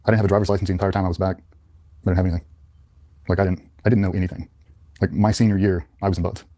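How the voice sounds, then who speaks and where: A man's voice: deep voice, level tone, very fast, dark tone. A man, an interview guest and former Navy SEAL, telling his story in a blunt, matter-of-fact, casual way.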